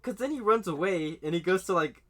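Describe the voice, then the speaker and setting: A man's voice: high-pitched, animated, brisk. A man chatting casually about a manga arc, swearing freely, laughing often and acting out the characters' lines. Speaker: podcast co-host. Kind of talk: casual chat recapping manga.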